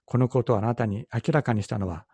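A middle-aged man, a pastor, giving a Bible teaching sermon in a measured, explanatory way, repeating key phrases for emphasis. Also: mid-range voice, darkish tone, husky, no room sound, studio quality.

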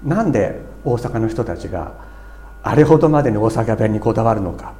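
A man's voice: on the low side, animated, brisk, dark tone. A middle-aged man preaching a sermon in an earnest, explanatory way, with fillers and restarts as he goes. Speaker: pastor.

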